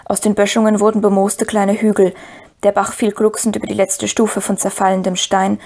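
A woman reads a fantasy novel aloud as a storyteller. Her voice sits at a middling pitch and the narration moves steadily through the story. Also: monotone, normal speed, creaky, darkish tone. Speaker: audiobook reader. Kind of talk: scripted narration.

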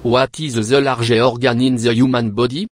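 A man's voice: mid-range voice, level tone, moderate pace, over loud music, natural voice. A man voicing a pompous, mocking, foul-mouthed host of a cartoon parody game show. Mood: sneering showmanship.

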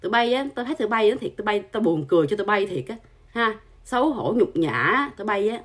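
A woman delivers a heated scolding monologue to her channel's viewers. Her voice is husky and sits at a middling pitch. She insults and lectures, piling on repeated filler particles as she goes. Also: very animated, fast talker. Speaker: channel host.

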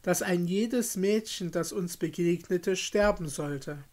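A man's voice: sits high, slow, a little mellow. A man voicing earnest young Benjamin.

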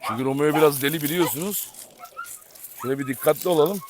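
Man, high voice, dog-owner vlog, fond baby talk to dogs, sudden sharp commands, outdoors with faint noise. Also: fast. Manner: affectionate baby talk to dogs, excited shouting. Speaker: dog breeder and vlogger. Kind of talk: casual vlog narration while handling dogs. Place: outdoor yard with dog kennels.

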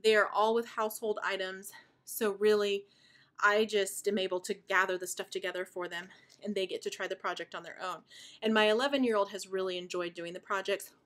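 A woman's voice: mid-range voice, fairly even intonation, fairly quick. A woman in her thirties, a homeschooling mother, explaining her curriculum in a chatty, enthusiastic way while out of breath and sighing. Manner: chatty and warmly enthusiastic, with fillers. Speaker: homeschooling mother and video host. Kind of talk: casual show-and-tell explanation.

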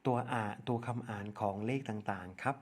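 A man with a Thai accent teaching young children English numbers, spelling out letters one at a time and repeating each word slowly. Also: mid-range voice, slightly rough. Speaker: primary school English teacher. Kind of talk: slow step-by-step lesson narration.

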